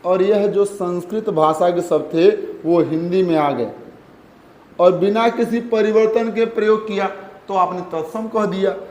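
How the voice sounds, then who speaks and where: A man's voice: sits high, unhurried, darkish tone. A man teaching a Hindi grammar lesson, calling his students "beta" and "bachche" and repeating each key point. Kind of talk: classroom lesson. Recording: echoey room.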